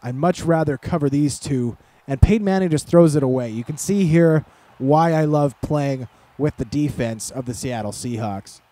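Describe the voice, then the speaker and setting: A man's voice: fairly high pitch, moderate pace, mellow. A man giving casual, rambling commentary over a football video game, with sarcastic, self-deprecating asides, recorded close on a desk microphone at home. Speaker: gaming commentator.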